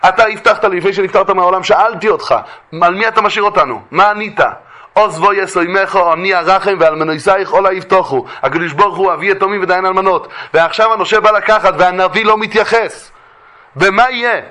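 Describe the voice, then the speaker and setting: A grieving widow cries out and pleads as a male teacher puts her on. The voice is bright and sits a little high. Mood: pleading. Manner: lamenting, crying out.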